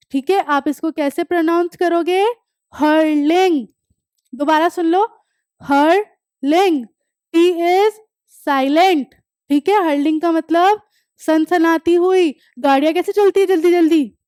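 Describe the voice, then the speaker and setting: A woman's voice: very high voice, a little mellow, dry recording, studio quality. A young woman teaching an English lesson, reading textbook lines and explaining them in Hindi, repeating words to drill their pronunciation. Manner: reads English text slowly, then explains in Hindi. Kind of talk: classroom lecture explaining a textbook chapter.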